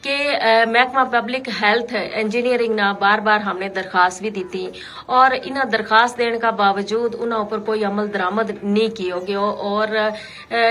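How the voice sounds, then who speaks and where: A woman's voice: medium pitch, pushed and bright, a little hiss or hum. A woman hosting a radio call-in show, talking to listeners in an unscripted, explanatory, conversational way. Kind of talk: unscripted talk radio commentary.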